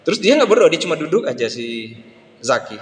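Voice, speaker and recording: A man's voice: fairly high pitch, sing-song, fairly quick. An older man preaching a sermon at a church service, telling stories animatedly and acting out children's voices. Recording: echoey hall with faint noise.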